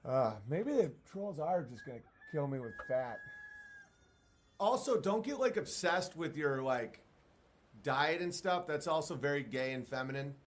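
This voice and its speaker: A man on a casual livestream, rambling and halting as he answers comments with profane, self-deprecating talk. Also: on the high side, animated, slight background noise. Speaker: live streamer.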